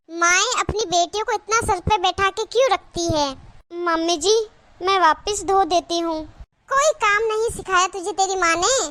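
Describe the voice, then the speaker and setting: A woman's voice: extremely high pitch, bright, forceful tone, full character voice. A woman voicing a scolding, taunting middle-aged village mother-in-law in a cartoon. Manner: nagging, taunting. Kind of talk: cartoon voice acting.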